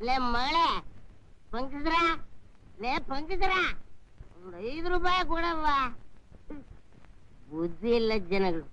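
A man's voice: very high-pitched, pushed and bright, heavily acted, poor audio. An actor playing an older drunk father who begs for liquor money in slurred, wheedling talk.

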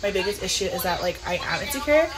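A young woman vlogging to camera about her feelings, tearful and halting, full of fillers. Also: medium pitch, expressive, crowd noise, rough recording. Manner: halting, emotional, filler-heavy with lots of "like". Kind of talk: confessional vlog to camera.

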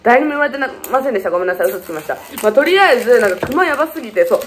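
A young woman with a chats quickly through a shopping haul and jumps between playful tangents and jokes at her own expense. Her pitch swings up and down a lot as she talks. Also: very animated, slight background noise. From Fukuoka, Japan. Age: 20s. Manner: joking, self-mocking, playful tangents. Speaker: beauty vlogger. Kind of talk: casual shopping haul vlog.

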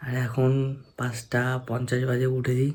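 A man's voice: mid-range voice, moderate pace. A young man hosting a casual travel vlog, talking to his viewers about the day. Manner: hushed and soft-spoken early on, so as not to wake his father; excited and loud outdoors with friends. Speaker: vlogger.

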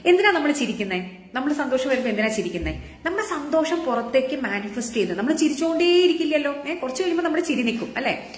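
A woman's voice: sits high, expressive, fast, reverberant. A woman doctor giving a casual live-stream health talk, chatting with viewers and asking them rhetorical questions. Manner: conversational, asks the audience rhetorical questions.

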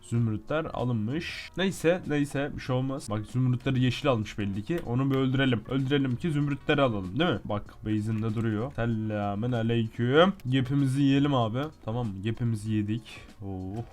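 A young man doing casual gameplay commentary while sick with a slight cough. He swings between muttering that he is calm and sudden shouting outbursts. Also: medium pitch, fairly quick, hardly any pauses. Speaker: gaming YouTuber.

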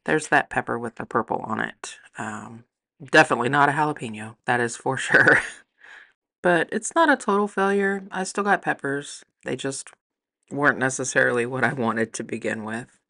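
A woman's voice: extremely low pitch, normal speed, gravelly, sharp tone. A woman vlogger chatting upbeat through a tour of her backyard garden, recorded outdoors on a handheld phone. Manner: chatty and upbeat, with some fillers. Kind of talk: casual garden tour narration.

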